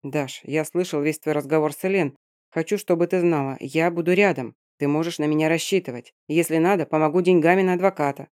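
A woman voicing Yuri, a calm, supportive man speaking earnestly. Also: low voice, brisk, dry recording, studio quality, close to an everyday voice.

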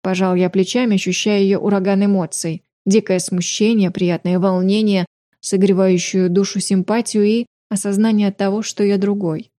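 A woman narrating a first-person romance novel in an audiobook, in a steady, intimate reading. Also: medium pitch, normal speed, no echo, studio quality.

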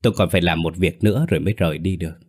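A man voicing a stern, principled older father in an audio story, speaking calmly, firmly and reproachfully. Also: low-pitched, rapid-fire, breathy edge. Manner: calm, firm and reproachful.

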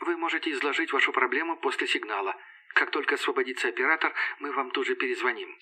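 Guy putting on a robotic phone answering message, mechanical and flat, fast and super bright. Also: medium pitch. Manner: mechanical, even recorded-message delivery. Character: automated call-center answering voice, flat and mechanical. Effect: automated phone-line message sound. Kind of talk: audiobook narration.

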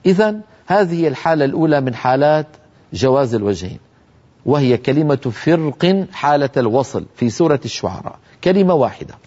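Man teaching Quran recitation, dull lo-fi sound. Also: mid-range voice. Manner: explains calmly, then chants Quranic examples slowly. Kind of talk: televised tajweed lesson. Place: television studio.

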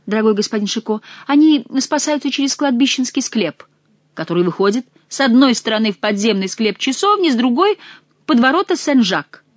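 A woman's voice: a little high, expressive, brisk, no echo. A fat, cowardly male monk pleads and wails in a raised, strained voice, as a woman reading a storybook puts him on. The recording is dry and close. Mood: pleading. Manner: wailing, pleading.

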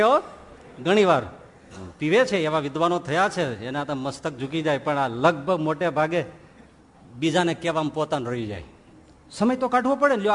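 A man giving a scripture discourse as a swami, telling a humorous parable and acting out its characters with rising excitement. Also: sits high, long reverb tail, a little hiss or hum.

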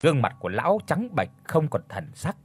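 A man narrating a folk tale audiobook in an expressive storytelling manner. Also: fairly high pitch, fairly quick, husky, no room sound.

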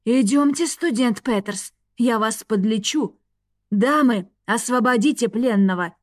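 Woman reader doing a slow, gruff dragon headmaster, bossy and irritable. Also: on the high side, dry recording, studio quality. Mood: stern commanding. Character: stern grumpy male dragon rector.

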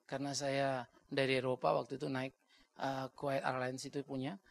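A man's voice: mid-range voice, completely flat delivery, normal speed, gravelly, dry recording. A man preaching a sermon bluntly and with energy, acting out the voices he quotes and dropping English words into his talk. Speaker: pastor.

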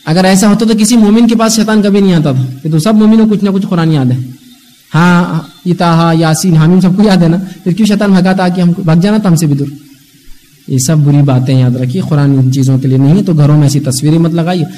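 High-voiced man giving a lively religious lecture. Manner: animated, acts out scolding voices. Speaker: Islamic lecturer.

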